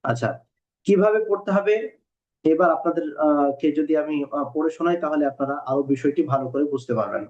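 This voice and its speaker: Male teacher, slightly high voice, patient, spells letters out slowly, muffled lo-fi recording. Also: darkish tone. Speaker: Quran reading teacher. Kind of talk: recorded online lesson. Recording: dull lo-fi recording.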